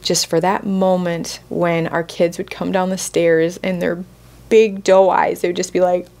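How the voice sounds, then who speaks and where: A woman's voice: lowish voice, flat delivery, unhurried, vocal fry, a little mellow. A woman in her forties hosting a podcast, telling a personal story in a candid, heartfelt, casual way. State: close to tears at moments. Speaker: podcast host.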